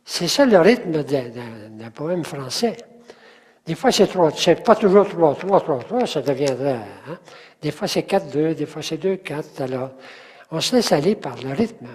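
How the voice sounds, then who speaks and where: A man's voice: a little high, animated, unhurried, a little mellow, husky, in a large hall. A man teaching a poetry class, patiently explaining and counting syllables aloud while asking the group questions.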